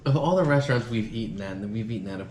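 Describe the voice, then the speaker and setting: A man co-hosting a casual question game, asking questions in a relaxed way. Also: fairly low pitch, rapid-fire. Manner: relaxed, asks questions with brief replies. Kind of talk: casual chat. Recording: echoey room with faint noise.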